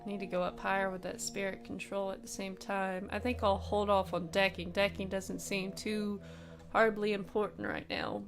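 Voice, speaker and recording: A woman's voice: medium pitch, normal speed, gravelly, background noise. A woman hosting a let's play, thinking aloud as she plays. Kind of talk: casual gameplay commentary.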